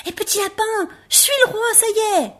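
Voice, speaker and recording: A woman voicing a small, eager male rabbit who wants to be king, with a squeaky, excited voice. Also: moderate pace, breathy edge, heavily acted.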